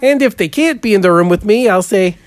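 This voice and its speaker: A good-natured, heavyset painter, played by a man, who drawls and fills every pause with "uh". His voice swings widely up and down as he rambles on. The sound is dry and close. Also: sits high, expressive, dry recording. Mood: goofy. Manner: drawling, rambling, full of "uh" and "there". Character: folksy heavyset male portrait painter, goofy. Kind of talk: improvised comedy interview.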